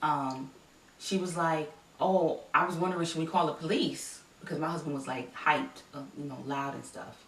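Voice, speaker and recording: A woman's voice: low-pitched, steady tone, moderate pace. A woman casually telling a story, chatty and full of "like", recorded from a distance in an echoey room with faint hiss. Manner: chatty, lots of likes, laughs easily. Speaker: vlogger and wife.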